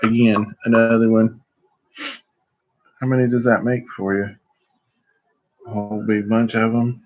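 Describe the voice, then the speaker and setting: A middle-aged man chatting casually and folksily on a livestream, rambling along with hesitant pauses. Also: on the low side, level tone. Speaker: host of a livestream vlog. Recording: slightly muffled, lo-fi livestream audio.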